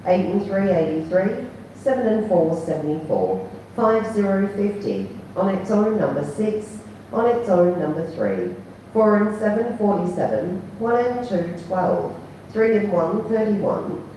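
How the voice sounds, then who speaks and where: A woman's voice: medium pitch, animated, a little slow, warm tone. Echoey woman bingo caller. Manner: formulaic chant, digit by digit then number. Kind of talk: bingo calling, announcing numbers. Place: large echoey bingo venue. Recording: echoey hall, distant mic, faint noise.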